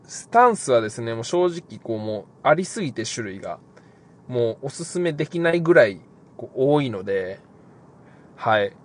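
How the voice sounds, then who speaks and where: A man's voice: mid-range voice, moderate pace. A young man hosting a casual podcast and answering listener questions, easygoing and rambling with lots of fillers. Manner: relaxed, rambling, many fillers. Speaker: podcast host, pro basketball player.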